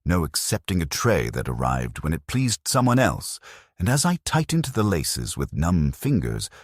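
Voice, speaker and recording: An older man narrating a first-person story in a measured, even-toned way with long flowing sentences. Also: low-pitched, no echo, clean studio sound.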